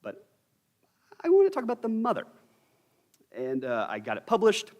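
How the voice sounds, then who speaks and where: A man's voice: high-pitched, wildly swooping pitch, moderate pace, a little mellow. A young man teaching an informal Bible study lecture in a church, candid and conversational with wry asides.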